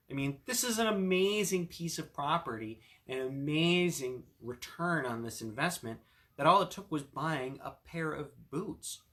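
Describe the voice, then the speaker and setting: Here the attorney's voice sits in the mid-range and sounds a bit bright. He mixes storytelling with informal explanation, reading a fairy tale and relating its moral to estate matters.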